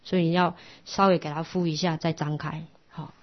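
A middle-aged woman, giving a patient, instructive Buddhist class lecture that often drops to a soft hush. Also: low-pitched, little pitch movement, fairly quick. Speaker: Buddhist teacher. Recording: lo-fi muffled recording.

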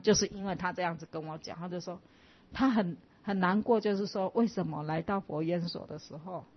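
A Buddhist nun from Taiwan, telling stories in a chatty way and acting out the dialogue with lively jumps in pitch. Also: female voice, husky. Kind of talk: casual storytelling talk. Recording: dull lo-fi recording.

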